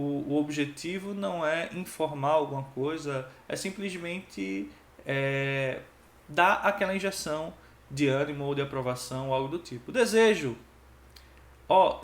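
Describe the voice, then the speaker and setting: Lively Brazilian man teaching in an echoey room. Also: a little high. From Pernambuco, Brazil. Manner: lively, acts out each interjection with expressive tone. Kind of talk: exam-prep grammar lesson.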